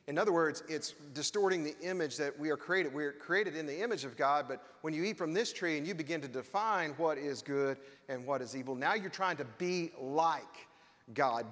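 A man's voice: on the high side, normal speed, fairly bright tone. Preaching man in a reverberant sanctuary. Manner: earnest preaching with wry humor. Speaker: pastor. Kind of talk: sermon. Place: church sanctuary. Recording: long hall reverb.

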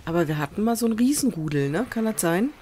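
A woman's voice: lowish voice, expressive, fast talker, mellow. A woman giving casual let's play commentary, chatting to viewers and muttering to the animals she tames, on a USB desk microphone at home. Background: faint festival noise from outside.

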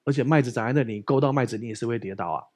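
A man, a pastor speaking Mandarin with a Taiwanese accent, preaching a lively conversational sermon, joking and often asking the congregation if they agree. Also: medium pitch, racing.

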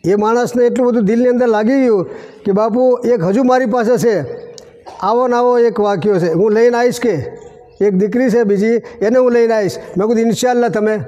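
A man's voice: very high voice, steady tone, fairly quick, warm tone, dull audio. A man, a shrine caretaker telling pious stories full of quoted dialogue. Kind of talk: storytelling interview. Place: outdoors at a village shrine.

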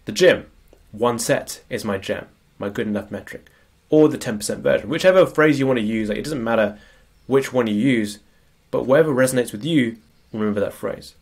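He talks a little fast at medium pitch, barely pausing, with a breathy edge and the sniffles of a cold. As a productivity coach, he delivers a casual slide-sharing lecture full of tag questions like "right?".

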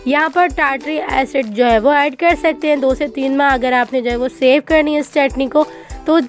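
High voiced lady narrating her cooking vid, chatty, lots of filler, bit of music underneath. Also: normal speed. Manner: chatty, leans on the filler "jo hai woh". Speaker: cooking channel host. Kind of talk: cooking tutorial voice-over.

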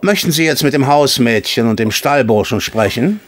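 An actor playing a formal military colonel and stable owner in a German radio play, orderly and commanding in manner. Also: male voice, mid-range voice, expressive, moderate pace, natural voice. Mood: stiff.

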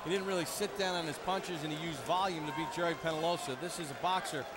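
A man's voice: on the high side, fairly even intonation, fast. A man giving live boxing commentary from ringside as a broadcast commentator. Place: ringside at an indoor arena. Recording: loud crowd and arena noise.

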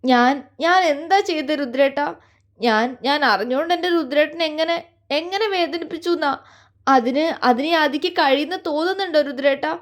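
A woman's voice: sits high, fairly even intonation, very slow, long pauses, darkish tone. Woman doing a trembling, tearful young woman. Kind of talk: romantic audio story acting.

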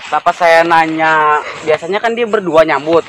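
A man's voice: on the high side, normal speed. A man arguing defensively as a visitor who came for a ritual. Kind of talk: heated argument. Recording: noisy background.

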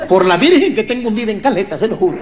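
Brief: Mexican male stand-up, teasing crowd work, animated delivery, loud live audience. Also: high-pitched, racing, heavy background noise. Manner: rowdy, teasing crowd work, bursts of shouted impressions. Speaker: stand-up comedian. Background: loud audience laughter.

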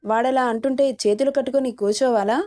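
A woman's voice: fairly high pitch, fairly even intonation, fast talker, warm tone, lightly acted. Woman reading as a hot-headed young grandson. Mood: indignant. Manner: angry, protective.

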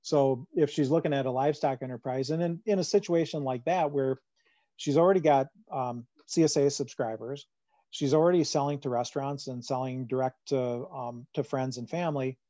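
Man, webinar answers, mellow, dull lo-fi video call audio. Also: medium pitch, moderate pace, no echo. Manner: conversational, many fillers and restarts. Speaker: farm finance presenter. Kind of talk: answering audience questions in a webinar. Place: home room on a video call. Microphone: computer microphone on a video call.

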